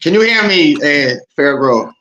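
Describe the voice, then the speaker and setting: A fairly high, bright and edgy male voice comes through a bad, distant-sounding call connection. He talks casually and repeats his questions while he works out the sound problems. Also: lively intonation, measured pace, dull audio, a little hiss or hum. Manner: calls names and repeats himself while fixing his audio. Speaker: caller joining a voice chat. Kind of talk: casual chat over an online voice call.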